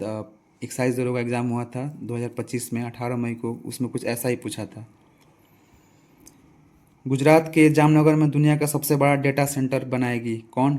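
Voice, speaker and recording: A man with a Bihari Hindi accent and a medium-pitched, slightly mellow voice leads a casual exam revision lesson. He's conversational, posing quiz questions, answering them himself, and repeating the answers.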